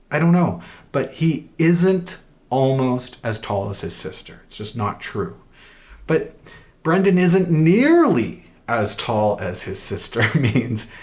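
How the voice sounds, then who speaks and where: A man in his thirties teaching an English grammar lesson, slow and deliberate, repeating key phrases for emphasis. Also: medium pitch.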